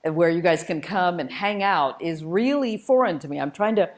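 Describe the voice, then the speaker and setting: Speaking at a normal speed in a fairly low, expressive voice, this spacecraft engineer addresses a public audience as a guest speaker. Born in India and connected to the United States and Malaysia, she tells personal stories with conversational enthusiasm and emphasis in an informal lecture.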